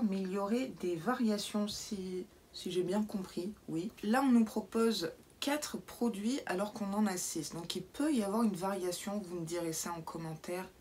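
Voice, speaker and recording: A woman's voice: medium pitch, a little hiss or hum. Chatty woman unboxing to camera. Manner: chatty, drops into soft asides. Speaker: beauty box unboxing vlogger. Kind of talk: casual unboxing chat to camera. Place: indoor room lit by bright lamps.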